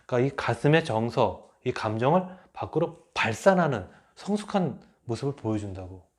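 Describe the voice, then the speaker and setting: A middle-aged man giving a lecture, talking lively and acting out the remarks he quotes. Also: mid-range voice, moderate pace. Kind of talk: enneagram lecture.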